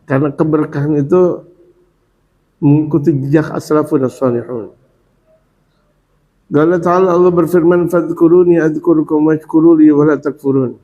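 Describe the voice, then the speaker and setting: A male preacher gives a Ramadan sermon in a lively, colloquial way with humorous asides, often chanting the same devout phrases again and again. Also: on the high side, normal speed, pauses often. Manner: repetitive chanting of dhikr phrases. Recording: dull lo-fi recording.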